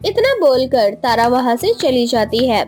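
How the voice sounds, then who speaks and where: A woman narrating a cartoon story with an expressive, storybook delivery. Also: a little high, measured pace, faint music behind.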